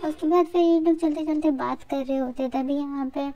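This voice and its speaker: High-voiced woman casually retelling a drama. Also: fairly even intonation, fairly quick, warm tone. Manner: chatty, informal, mixing in English words. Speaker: drama recap narrator. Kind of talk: casual storytelling recap.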